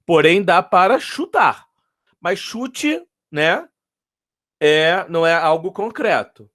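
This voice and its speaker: Male math teacher, Brazilian accent, fairly high voice, patient, checks in often. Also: expressive, slow, a bit bright. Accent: Brazilian Portuguese. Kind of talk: explaining a math lesson to students.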